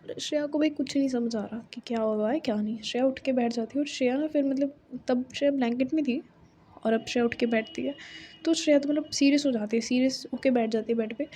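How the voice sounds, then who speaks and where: A woman's voice: high voice, quick pace, dark tone, slight background noise. A young woman telling a love story in a chatty, casual way, mixing Hindi and English with many asides. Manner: chatty, full of fillers and asides.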